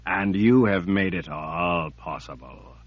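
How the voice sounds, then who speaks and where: A man's voice: low voice, slow, no echo. A man doing a cold, menacing emperor villain. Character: cruel, patient male emperor villain. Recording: dull lo-fi recording.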